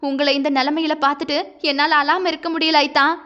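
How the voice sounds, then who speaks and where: A woman's voice: sits high, flat delivery, fast, bright, forceful tone, highs cut off. A woman voicing a grieving young wife, impassioned and pleading through tears. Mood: breaking.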